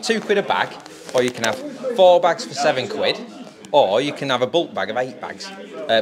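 A man presenting a casual fishing vlog outdoors, talking viewers through the venue with chatty enthusiasm. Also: mid-range voice. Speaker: fishing vlogger. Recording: outdoor recording with clear background noise.

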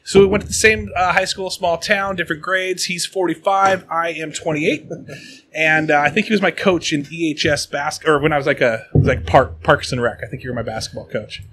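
A man in his late thirties hosts a laid-back podcast, chatty and rambling. His voice sits a little high and sounds bright and forward. He is from the Pacific Northwest. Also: fairly even intonation, brisk, a little hiss or hum. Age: late 30s. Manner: chatty, rambling, reads shout-outs. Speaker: podcast host. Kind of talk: casual podcast chat.

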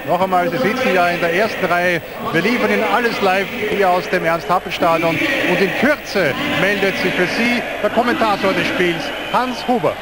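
A middle-aged man presenting a live sports broadcast into a handheld microphone at pitch side. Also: moderate pace. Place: pitch side in a large stadium. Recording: very noisy stadium broadcast.

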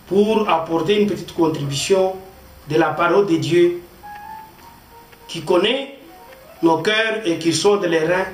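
A pastor from the Democratic Republic of the Congo, preaching a sermon and reading scripture in short, deliberate phrases. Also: male voice, sits high, distant mic. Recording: echoey room, voice off-mic, faint music.

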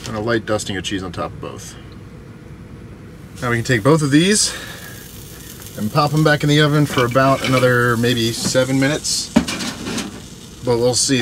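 A young man vlogging as he cooks in a small camper van kitchen, relaxed and chatty. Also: mid-range voice. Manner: relaxed, chatty, talks while cooking. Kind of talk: casual cooking vlog. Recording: noisy camper van recording.

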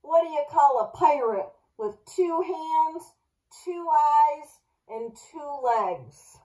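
A cheeky, excitable joke storybook firing off punchy gags, as a woman puts it on. The voice is high-pitched, with a slow, read-aloud delivery. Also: reverberant, muffled recording. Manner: punchy, jokey.

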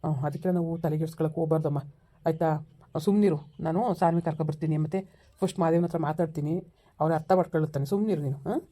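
Brief: man, low warm voice, fast reassuring father calming his daughter in a village drama. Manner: soothing, reassuring. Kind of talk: amateur village family drama.

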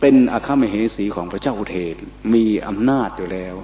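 Older monk, dark mellow voice, lively storyteller, dull echoey hall recording. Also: male voice, lowish voice, brisk, slight background noise. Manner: animated storyteller, acts out quoted voices, slips into Isan dialect. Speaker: Buddhist monk giving a dharma talk. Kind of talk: storytelling sermon.

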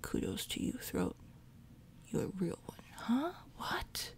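Steady machine noise hums behind this low-quality recording of a woman half-whispering softly and breathily. She's an ASMR roleplay performer rambling casually while recovering from jaw surgery, repeating words in quick bursts.

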